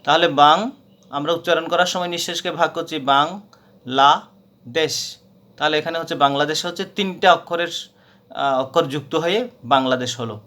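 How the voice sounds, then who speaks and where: Patient male teacher, slightly high voice. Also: fairly quick, fairly bright tone. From Bangladesh. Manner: patient, repeats points, many hesitations. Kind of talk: classroom grammar lesson.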